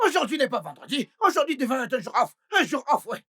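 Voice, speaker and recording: A woman dubbing a grovelling, scheming male house employee, with a raspy voice and stammering, wailing pleas. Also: sits high, big pitch swings, fast talker, a bit bright, faint music behind, exaggerated voice. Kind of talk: French film dub.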